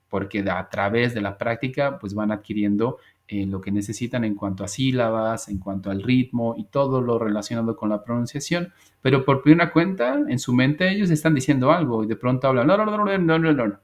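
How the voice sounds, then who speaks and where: A man teaching an English class over a video call, patient and repetitive as he drills pronunciation. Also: mid-range voice. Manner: patient, drills pronunciation slowly and repeats words. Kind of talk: online class lesson.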